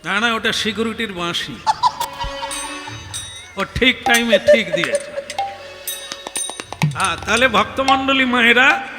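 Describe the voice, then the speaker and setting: A man's voice: extremely high pitch, a little slow, long pauses. A man who sings and preaches kirtan, telling a devotional story dramatically and addressing the audience directly. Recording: long hall reverb with music.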